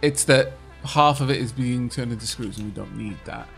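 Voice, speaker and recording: A young man from Wales streams co-op gameplay with a friend, chatting casually and rambling with plenty of fillers. His mid-range voice is creaky and a bit bright at a normal speed, with faint background music.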